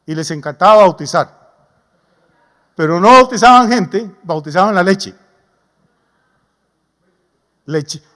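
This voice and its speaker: A man's voice: high voice, lively intonation, normal speed, a bit bright. A man, a pastor preaching a sermon in a folksy, humorous way with homely stories. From Costa Rica. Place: church sanctuary. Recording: long church reverb.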